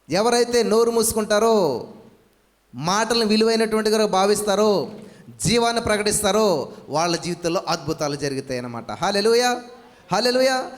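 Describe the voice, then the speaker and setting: Male pastor, high voice, fervent sermon delivery with constant rhetorical questions, recorded in a long-reverb hall. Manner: shouted commands when casting out.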